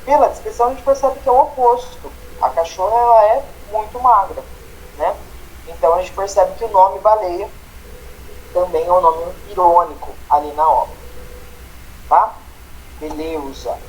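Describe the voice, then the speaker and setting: A man's voice: sits high, normal speed, pauses often, a little hiss or hum, poor audio. A man with a Brazilian accent teaching an online grammar lesson, explaining step by step and checking in with the students often. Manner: explanatory, tags phrases with "né?" and "tá?".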